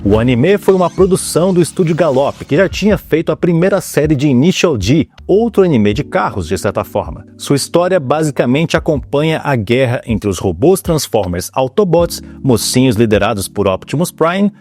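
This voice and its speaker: A Brazilian man narrates in a scripted documentary style, his voice a little high and very animated in pitch. Soft music plays behind him, and he slips in playful, colloquial remarks. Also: moderate pace, hardly any pauses. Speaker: video host narrator. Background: background music.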